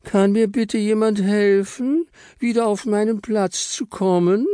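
Man doing Frau Stern, a shrill whiny chocolate star. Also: fairly even intonation, a little slow, dark tone, clean tone, no echo, studio quality. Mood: pleading. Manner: shrill, wailing and melodramatic. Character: self-important big female chocolate star, whiny.

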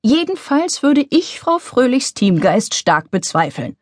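A woman's voice: fairly high pitch, sing-song, a little slow, darkish tone, husky, dry recording, studio quality, voice pushed up, heavily acted. A woman voicing a sour, scrawny balding man who grumbles and lectures sternly. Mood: grumpy. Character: grumpy, scrawny balding male office worker.

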